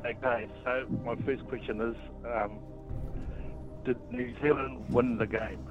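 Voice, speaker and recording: A man's voice: mid-range voice, steady tone, unhurried, over music. A man calling in to a radio contest over a phone line, as if on a Bluetooth headset, who talks hesitantly and thinks aloud with restarts. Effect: heard over a phone line, first asked if he is on Bluetooth. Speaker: radio competition caller. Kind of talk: casual phone-in chat.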